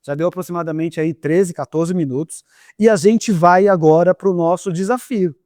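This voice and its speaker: A man with a Brazilian Portuguese accent teaching a lively online lesson on speaking, coaxing viewers into exercises and demonstrating different ways of talking. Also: high-pitched, normal speed, no room sound, studio quality. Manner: energetic, coaxing, demonstrates voice styles. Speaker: communication teacher.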